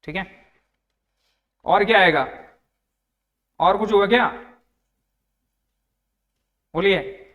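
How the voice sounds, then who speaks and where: A man's voice: sits high, very slow, pauses often, a bit bright. A young male tutor, giving an online lecture that works through a problem step by step, talking conversationally and repeating each figure. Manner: conversational, addresses students as "sir", repeats figures. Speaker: tax tutor.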